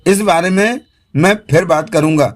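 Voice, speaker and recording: A man voicing a raspy masculine spirit who speaks through a woman's lips, evasive and measured, in an audiobook. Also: a little high, close to an everyday voice.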